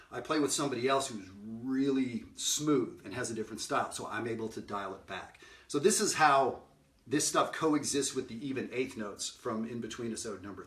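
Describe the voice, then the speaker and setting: A man's voice: medium pitch, fairly bright tone, recorded from a distance. Man, middle-aged, jazz educator, casual lesson, sings examples, echoey room. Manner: conversational, sings note examples, frequent "right?". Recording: roomy sound from off-mic.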